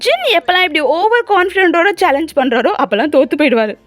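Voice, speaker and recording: A woman's voice: extremely high pitch, sing-song, fast. A woman with a Tamil accent narrating a comic fan dub in a teasing, chatty voice-over, full of exclamations.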